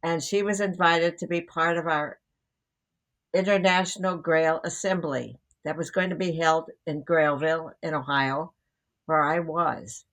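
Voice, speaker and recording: A woman's voice: low voice, fairly even intonation, unhurried, fairly bright tone. An older woman co-hosting a conversational show, talking in a rambling way and correcting herself as she goes. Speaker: co-host. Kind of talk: casual conversation.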